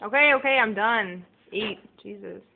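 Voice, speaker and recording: A woman's voice: medium pitch, normal speed, creaky, narrow, tinny audio, very noisy. A woman chatting with her pet parrot, coaxing and teasing it in a sing-song way and swearing casually, recorded on a phone. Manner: coaxing, sing-song repeated goodbyes to a bird. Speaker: pet owner.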